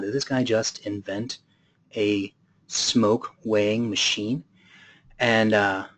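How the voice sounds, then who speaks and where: A man presenting to an audience, spinning a funny story in a relaxed, chatty way. His voice sits a bit low, and he talks with loose "um"s and "uh"s along the way. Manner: casual and humorous, with fillers. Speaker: conference speaker.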